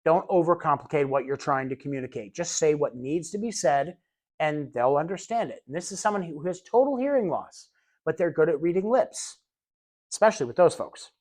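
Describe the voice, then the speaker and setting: A man's voice: on the high side, lively intonation, darkish tone. Guy teaching a caregiver class, super casual and chatty, lots of "you know"s. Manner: casual, conversational teaching with many fillers and asides; demonstrates slow exaggerated enunciation. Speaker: caregiver training instructor. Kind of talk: recorded classroom lecture.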